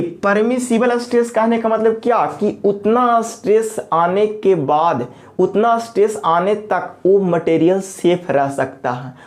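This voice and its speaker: This is a classroom lecture by an engineering lecturer whose voice sits at a medium pitch. Questions are raised and then answered, with key terms said again while the lecturer checks that the listener is following.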